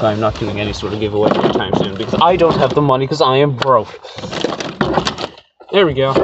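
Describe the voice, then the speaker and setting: A young man in a casual repair vlog, swearing freely and making sarcastic, rambling asides while he works on a car door. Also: mid-range voice. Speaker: vlogger. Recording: dull lo-fi with loud background noise.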